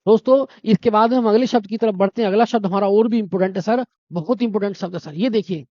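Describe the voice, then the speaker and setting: A man's voice: sits high, quick pace, a little mellow, no room sound. Man teaching a grammar lesson, dull dry audio. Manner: repetitive, quizzing the viewer. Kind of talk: exam-prep grammar lesson.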